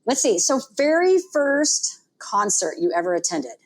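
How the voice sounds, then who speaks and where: A woman hosting a casual interview, enthusiastic and quick to affirm her guest. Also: fairly high pitch, sing-song, slight background noise. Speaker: podcast host.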